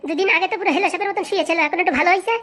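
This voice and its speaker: A woman's voice: very high voice, steady tone, racing, fairly bright tone. A woman playing a folksy cartoon mother-in-law. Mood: grumbling. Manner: homely, explaining, folksy. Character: older mother-in-law, patient but stubborn. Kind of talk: comic cartoon dubbing.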